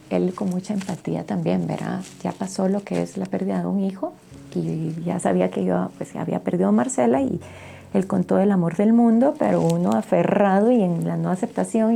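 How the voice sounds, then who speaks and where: Woman, personal faith testimony, earnest, emotional, heavy vocal fry, dark tone. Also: mid-range voice, steady tone, moderate pace, a little hiss or hum. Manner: earnest, emotional storytelling with frequent tag questions. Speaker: testimony guest.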